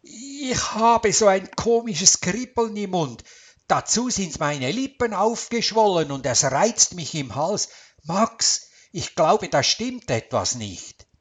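A man reading a story, putting on the strained, high voice of an older woman who feels something is wrong. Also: expressive, slow pace, slightly rough. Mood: uneasy. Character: older woman, sharp-tongued then panicked. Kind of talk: storybook voice acting.

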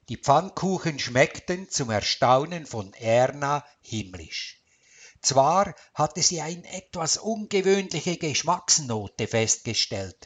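Male narrator, slow, lively read-aloud with a dramatic, expressive delivery. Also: medium pitch, breathy edge.

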